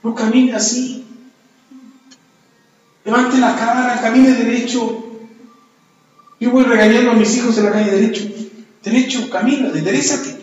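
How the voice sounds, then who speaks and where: A man's voice: very high-pitched, little pitch movement, measured pace, long pauses, muffled recording, slight background noise. A middle-aged man preaching a sermon in a church, emphatic, repeating his phrases and adding jokey asides. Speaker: pastor. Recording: echoey church hall.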